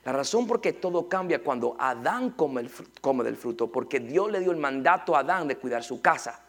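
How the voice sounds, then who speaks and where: A man preaching a sermon. He is animated, repeats words and asks rhetorical questions. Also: medium pitch, normal speed.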